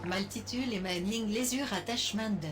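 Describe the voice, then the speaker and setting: A woman voicing a female spacesuit AI with a French accent and a robot voice effect, giving flat, clipped system announcements. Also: mid-range voice, moderate pace. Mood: announcing. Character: female suit AI, calm and mechanical. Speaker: spacesuit computer voice from a game mod. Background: game music.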